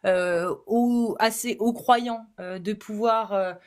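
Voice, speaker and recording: A woman's voice: medium pitch, steady tone, takes it slowly. A woman in a heated live debate, exasperated and scolding, hammering the same questions again and again.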